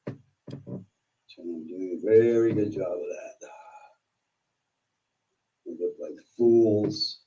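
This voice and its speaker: A man's voice: low voice, takes it slowly, pauses often, dark tone, a little hiss or hum. A man hosting a casual, rambling live stream with a combative, profane way of talking. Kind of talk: casual rambling livestream monologue. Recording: distant microphone.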